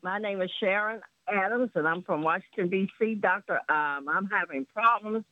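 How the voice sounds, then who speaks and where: A woman's voice: medium pitch, moderate pace, no room sound. A woman calling into a radio show, speaking hesitantly over a phone line. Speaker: caller. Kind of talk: phone-in call.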